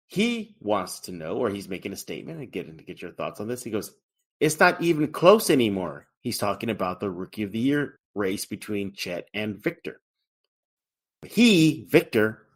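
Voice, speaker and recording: A man's voice: lowish voice, breathy edge. A man hosting a sports podcast, chatty and upbeat, laughing easily with his guest. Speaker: podcast host. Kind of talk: casual sports podcast chat.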